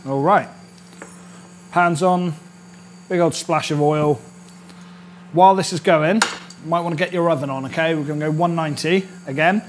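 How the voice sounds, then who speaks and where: At normal speed and with frequent pauses, a British chef in his thirties talks through an informal cooking demonstration for his cooking series, his voice a little high. Set in an indoor kitchen studio, his delivery is chatty and instructional, peppered with check-ins like "all right?" Slight background noise is present.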